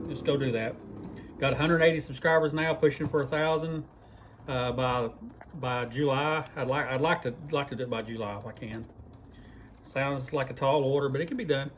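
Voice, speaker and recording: A man with a medium-pitched voice hosts a casual cooking vlog from a barn workshop where deer are cleaned, with background noise audible. He talks in a folksy, rambling, self-deprecating way.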